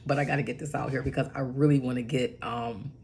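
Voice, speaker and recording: A registered nurse in her forties, hoarse and raspy from bronchitis, rambles through a casual story and goes off on tangents with many fillers, emphatically asking "right?" again and again. Her voice is extremely low, steady and darkish, with a quick pace. A slight hiss or hum is audible.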